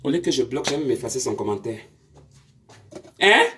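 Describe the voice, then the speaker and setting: A woman's voice: a bass voice, big pitch swings, normal speed, fairly bright tone, slight background noise. A woman, scolding her commenters during a live stream with confrontational rhetorical questions.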